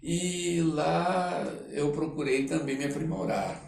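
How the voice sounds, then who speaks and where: Speaking on the high side with vocal fry, a Brazilian man from the Amazon chats as an interview guest, an actor and artist relating his life through anecdotes. His delivery is lively and halting as he performs bits of dialogue and keeps tagging lines with "né". A distant mic captures him in an echoey room with faint noise.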